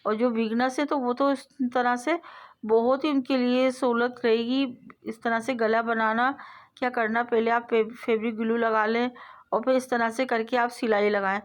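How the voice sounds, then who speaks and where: A woman with a slightly high voice hosts a sewing tutorial, speaking as a voice-over. She explains every step patiently and repeats her phrases. She often lets her voice fade softly as she finishes a step. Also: steady tone, moderate pace. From South Asia. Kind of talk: instructional voice-over.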